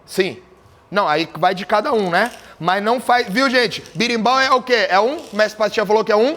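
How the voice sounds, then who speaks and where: With slight background noise around him, a capoeira teacher quizzes and jokes with his workshop group while explaining berimbau tuning. His high voice has a sharp tone and moves at a moderate pace.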